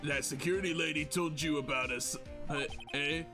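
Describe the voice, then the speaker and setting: A man's voice: a little high, normal speed, music in the background, close to an everyday voice. A man voicing a flamboyant, pompous male producer in a game, in a drawling put-on muscle-man voice. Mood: grand. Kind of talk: reading game dialogue aloud.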